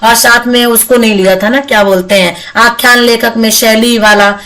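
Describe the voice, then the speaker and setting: A woman's voice: a little high, steady tone, moderate pace, a bit bright, far from the mic. A woman tutor giving a casual exam-prep lecture, chatty and repetitive, often adding tag questions and slipping English words into her explanations.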